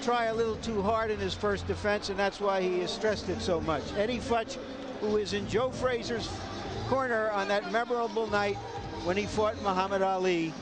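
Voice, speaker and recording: High-pitched male boxing colour commentator. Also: moderate pace. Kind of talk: live sports analysis. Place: ringside in a large arena.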